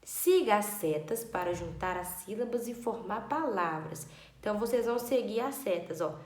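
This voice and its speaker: A woman teaching young children a spelling lesson, patient and drawn-out, stretching words syllable by syllable. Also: medium pitch, expressive, echoey room.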